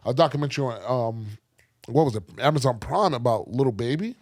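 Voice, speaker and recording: A man's voice: medium pitch, expressive, a little fast, darkish tone. A man co-hosting a podcast in casual chat, laughing often and acting out the people he quotes. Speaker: podcast co-host.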